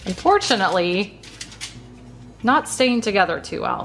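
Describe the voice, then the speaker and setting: Her medium-pitched, fairly bright voice echoes a little, with some faint noise in the background. The host of a home cooking channel, she walks viewers through a recipe in an easygoing, conversational voice-over, explaining each step in a warm, chatty manner.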